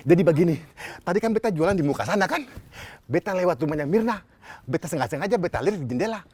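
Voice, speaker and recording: A man's voice: high-pitched, lively intonation, fast talker, a little mellow, no room sound. A man playing a frightened vegetable seller, talking dramatically. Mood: spooked. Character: jumpy eastern Indonesian vegetable seller, scared.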